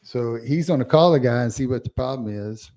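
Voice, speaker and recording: A man's voice: mid-range voice, a little fast, warm tone. A man co-hosting a podcast, telling stories in a loose, rambling casual chat with plenty of slang. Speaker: podcast co-host.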